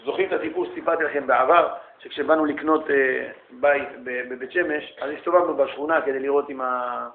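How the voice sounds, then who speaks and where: A man lecturing as a rabbi, animated, calling listeners brother and asking rhetorical questions. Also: medium pitch. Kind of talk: lively religious lecture. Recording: echoey room, tinny phone-like sound.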